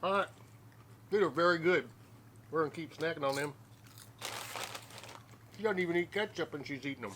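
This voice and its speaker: A man's voice: a little high, a little fast, long pauses, a bit bright. A middle-aged man with a Southern US accent hosts a casual snack tasting, chatting in a folksy way as he crunches and chews. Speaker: host of a family snack taste-test video. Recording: noticeable background noise.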